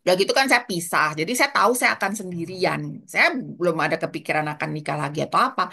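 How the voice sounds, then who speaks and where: An older woman with a Jakarta colloquial accent, telling lively stories as she gives parenting advice. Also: fairly low pitch, fast talker, gravelly, husky. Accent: Jakarta colloquial Indonesian. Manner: lively storytelling with quoted asides. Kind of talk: casual advice chat.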